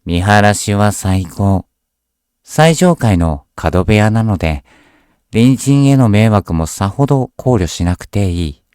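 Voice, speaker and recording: A man reading a scripted horror story aloud as a narrator, in a measured, deliberate storytelling delivery. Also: lowish voice, animated, darkish tone, clean tone, no room sound, clean studio sound.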